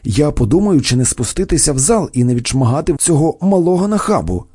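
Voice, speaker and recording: Man playing a pompous stout producer, blustering, hot-tempered, husky, lively pitch. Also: a little fast, dry recording, clean studio sound. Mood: furious. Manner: blustering, shouting at times.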